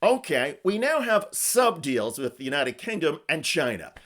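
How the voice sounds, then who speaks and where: A man's voice: fairly high pitch, sing-song, moderate pace, a bit bright. A man hosting a scripted political news commentary with an emphatic, punchy delivery.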